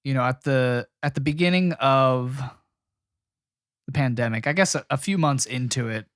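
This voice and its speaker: A man's voice: mid-range voice, normal speed, a bit bright, no room sound, clean studio sound. A young adult man co-hosting a casual podcast chat, talking loosely with many "you know" fillers. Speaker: podcast co-host.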